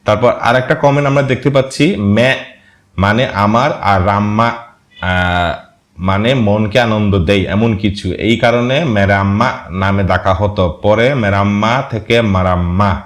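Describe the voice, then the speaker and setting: Low-voiced man slowly spelling out words. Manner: reads slowly, spells out words syllable by syllable, frequent hesitations. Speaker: channel host reading viewer comments. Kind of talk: casual commentary reading comments aloud.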